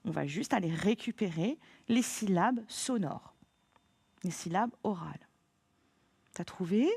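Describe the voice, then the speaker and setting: A woman's voice: medium pitch, animated, measured pace, vocal fry, mellow, breathy edge, dry recording. A woman teacher giving a remote lesson to young pupils, patient and encouraging, spelling words out letter by letter. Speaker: primary school teacher.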